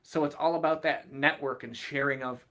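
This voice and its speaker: A man, a podcaster appearing as a guest, calmly explaining his view in an earnest, steady way during a casual interview. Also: a little high, normal speed.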